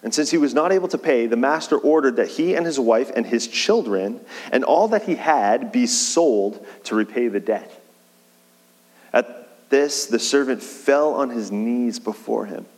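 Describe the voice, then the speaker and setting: A man preaching a sermon in a relaxed, conversational way, shifting his pace and leaning on key words. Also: medium pitch, unhurried. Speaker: pastor. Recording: long reverb of a large hall.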